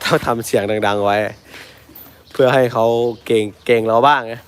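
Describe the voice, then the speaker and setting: A man talks casually and jokingly while he works as an elephant keeper. He is recorded outdoors at a rural camp, with faint birds and animals in the background. His voice sits at an average pitch for a man. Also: moderate pace, slight background noise. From Northeastern Thailand. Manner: chatty and joking, shouts commands to elephants. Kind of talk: casual vlog narration. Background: faint animal and bird sounds outdoors.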